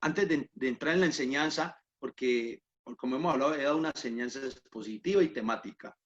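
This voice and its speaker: A man, a pastor, telling family stories in a casual chat at home, earnest and halting with fillers. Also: mid-range voice. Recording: dull lo-fi sound.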